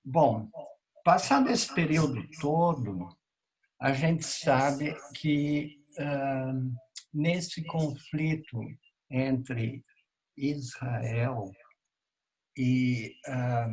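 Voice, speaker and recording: A man in the audience asking a question on a call, slowly and haltingly, with long pauses. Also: medium pitch, darkish tone, poor audio. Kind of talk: casual spoken question.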